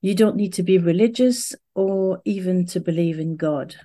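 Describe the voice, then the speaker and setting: A woman's voice: on the low side, normal speed, mellow. A woman hosting a spirituality podcast, welcoming listeners and introducing her guest with some restarts. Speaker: podcast host. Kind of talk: podcast interview.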